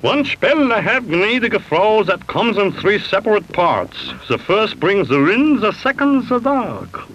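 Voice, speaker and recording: Fields: Figure: talking spell book in a cartoon, played by a man. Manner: slow, solemn, backwards word order. Pitch: raised. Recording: dull, lo-fi, with music. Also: sing-song, a bit bright, slight background noise, full character voice.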